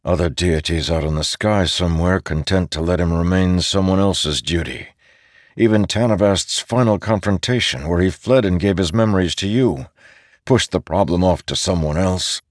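A man plays a battle-hardened warlord in an audiobook, pressing his point with forceful, urgent questions. The voice sits deep and low, and the recording is dry. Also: moderate pace, no room sound, close to an everyday voice. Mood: earnest.

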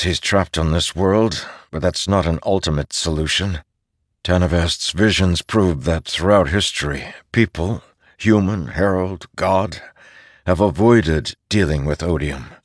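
A man plays a battle-hardened warlord in an audiobook, pressing his point with forceful, urgent questions. The voice sits deep and low, and the recording is dry. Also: no echo.

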